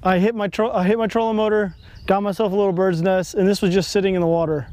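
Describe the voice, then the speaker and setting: A man's voice: high-pitched, fairly even intonation, quick pace, a little mellow. A young man hosting a fishing vlog from a boat on a pond, talking to viewers in an upbeat way and laughing often. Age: young adult. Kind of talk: casual fishing vlog talk. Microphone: action camera on the boat.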